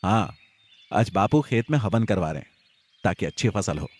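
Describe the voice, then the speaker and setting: A man's voice: fairly low pitch, very animated, moderate pace, breathy edge. A man voicing Radha, a teenage village girl chiding her older brother in a matter-of-fact way in a Hindi audio story. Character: teenage village girl, bossy younger sister.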